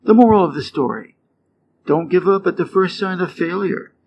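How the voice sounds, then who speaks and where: Speaking in a high, slightly mellow voice, a Midwestern American man from Wisconsin reads storybook fables and quiz questions to English learners. As a teacher, he keeps it slow, clear and deliberate, lifting his intonation on each answer choice, over a dull, lo-fi recording with a bit of background noise.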